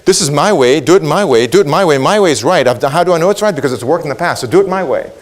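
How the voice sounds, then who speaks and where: A man's voice: fairly high pitch, lively intonation, rapid-fire. A middle-aged man from Israel whose first language is Hebrew, giving a motivational keynote, asking the audience questions and acting out quotes. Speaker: keynote speaker.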